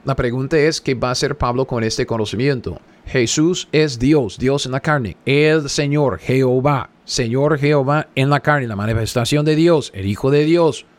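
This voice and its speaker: Guy teaching a bible study, reads verses out, says stuff twice, keeps asking ok?. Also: mid-range voice. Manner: reads scripture aloud, repeats phrases for emphasis, checks in with "¿ok?".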